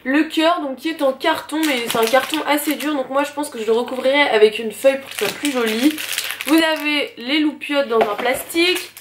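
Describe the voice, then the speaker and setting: A young woman with a high, light voice talks through a shopping haul for her vlog. She is chatty and relaxed, often pausing with a hesitant filler and an easy laugh, over a faint hiss in the background. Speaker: vlogger.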